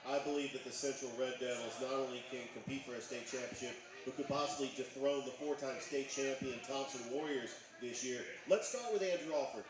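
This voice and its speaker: A man co-hosts a live sports talk show, laying out stats in a measured way. He sounds far from the mic in a very echoey space, and a chattering bar crowd can be heard behind him. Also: mid-range voice. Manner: measured, stat-heavy analysis. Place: bar and grill.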